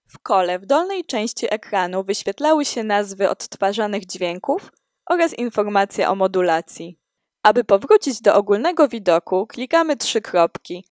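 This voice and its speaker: Woman walking thru an app demo, lively pitch, dry close sound, reads it steady. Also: no room sound. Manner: steady, explanatory, read from script. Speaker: student presenting an app. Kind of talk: scripted app walkthrough narration.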